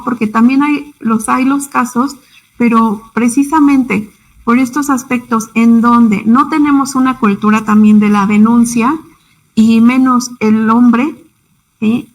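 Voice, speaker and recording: A woman's voice: on the high side, poor audio. A young woman with a Mexican Spanish accent giving a symposium talk, conversational and full of tag questions. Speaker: psychology speaker.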